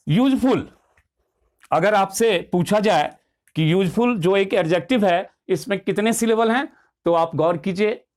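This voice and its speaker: A man teaching a grammar lesson, explaining patiently and slowing down to spell out words. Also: high-pitched.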